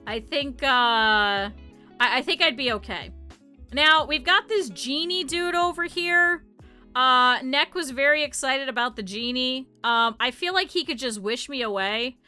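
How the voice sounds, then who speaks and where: A woman's voice: sits high, unhurried, sharp tone, soft background music. An American woman streaming in casual chat, swearing freely and laughing often. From United States.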